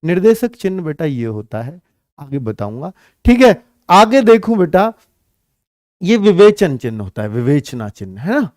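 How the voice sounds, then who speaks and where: A man teaching an exam-prep grammar class, talking slowly and repeating each phrase for his students. His voice sits high and sounds smooth and clear. The recording is dry and close, with no room sound. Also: very animated, darkish tone, no echo. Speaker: Hindi teacher.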